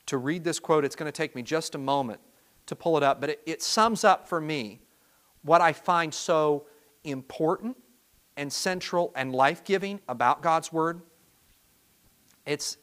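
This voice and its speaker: A pastor giving a sermon to his congregation, earnest and halting, often repeating words as he restarts his sentences. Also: a little high, a bit bright.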